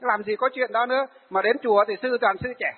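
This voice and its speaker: A Buddhist monk, giving a sermon to lay followers and telling stories of them in a lively way. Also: male voice, very high voice, a little fast, husky. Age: 40s. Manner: storytelling, acts out the people he tells of. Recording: phone-like, hall reverb.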